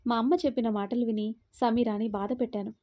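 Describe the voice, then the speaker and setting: A woman's voice: on the high side, steady tone, fairly quick, warm tone, close to an everyday voice. A woman voicing a weary, remorseful pregnant young wife in a spoken story. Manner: weary, tearful.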